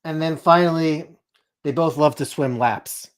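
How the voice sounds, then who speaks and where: A man hosting a casual family podcast at home, playful and quick with asides. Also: fairly high pitch. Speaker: podcast host.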